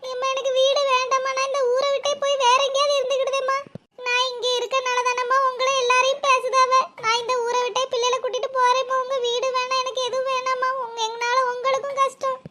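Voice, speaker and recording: Tearful cartoon young mother, shrill and bright, quick pleading speech, voiced by a woman. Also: level tone. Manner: pleading, self-blaming.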